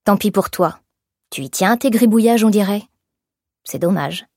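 A woman voicing a gruff, gravelly, leering man. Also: medium pitch, lively intonation, normal speed, a little mellow, no echo, clean studio sound. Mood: coaxing. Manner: mocking, coaxing.

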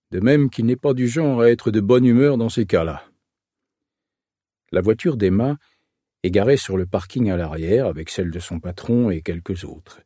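Male audiobook narrator, mellow and low, measured delivery. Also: no echo, clean studio sound. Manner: calm, measured storytelling. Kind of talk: scripted narration.

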